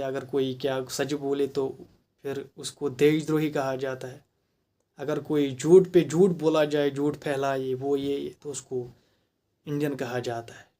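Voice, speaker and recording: Kashmiri guy ranting, fired up, asks lots of rhetorical questions, voice on the higher side. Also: warm tone. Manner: heated, rhetorical, mixing in English phrases. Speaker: commentator. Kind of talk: opinion monologue.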